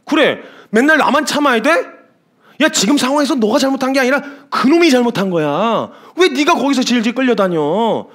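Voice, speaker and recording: A preacher doing a honeyed, coaxing tempter. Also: male voice, very high voice, animated, fairly quick, fairly bright tone. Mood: egging on. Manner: honeyed, persuasive whispering-in-the-ear tone. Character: sweet-talking tempter spirit, coaxing and flattering.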